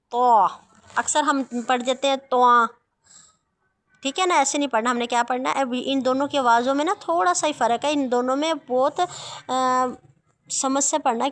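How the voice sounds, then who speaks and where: A woman with a slightly high voice teaches Quran reading. She chants letter sounds at a slow drilling pace, then explains patiently and reassures her students again and again. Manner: patient, reassuring, repeats "theek hai".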